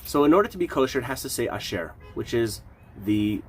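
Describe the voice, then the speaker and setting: A man with a mid-pitched voice gives an informal lesson as a rabbi would. He has a questioning teaching manner, setting up questions and then explaining the answers. Background noise is clearly audible behind him. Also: lively intonation, a little fast.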